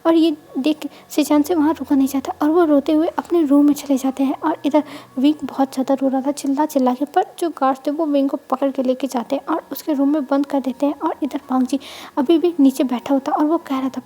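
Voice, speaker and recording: High-voiced woman retelling a story. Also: steady tone, fairly quick, mellow. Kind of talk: emotional fanfiction retelling.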